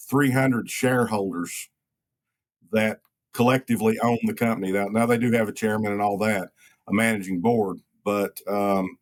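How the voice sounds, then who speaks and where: Man, interview guest, engineer, measured, explanatory, conversational. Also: on the low side.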